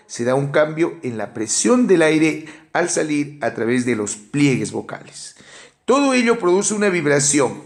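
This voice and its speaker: A man with a Peruvian Spanish accent giving a measured academic lecture, working through a numbered list of points. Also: on the high side. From Peru. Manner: measured explanatory delivery with enumerations and fillers. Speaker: teacher.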